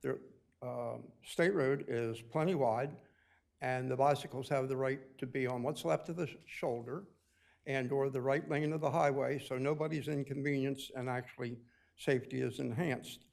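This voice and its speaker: A man giving a deliberate public comment at a city committee meeting, explaining street safety step by step. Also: medium pitch, steady tone, vocal fry, darkish tone. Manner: deliberate, explanatory, with occasional restarts.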